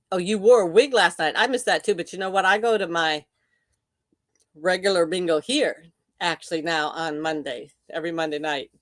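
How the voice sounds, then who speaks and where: A woman's voice: fairly low pitch, a bit bright, dry recording, studio quality. An older woman hosting a casual livestream, chatting with viewers and reading their comments aloud with frequent laughs. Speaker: livestream host.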